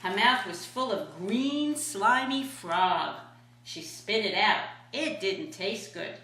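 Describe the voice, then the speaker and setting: Sweet old lady reading slowly, echoey room. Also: mid-range voice, a little hiss or hum. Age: older. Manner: sweet grandmotherly storyteller; expressive, dramatized reading. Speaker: grandmother reading to her grandchild. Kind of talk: reading a children's storybook aloud.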